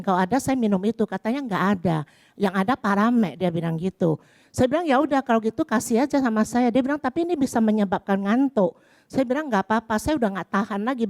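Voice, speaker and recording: A woman's voice: fairly high pitch, darkish tone. A middle-aged woman giving a chatty spoken testimony in church, acting out the dialogue as she tells it. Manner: storytelling, chatty, acts out dialogue.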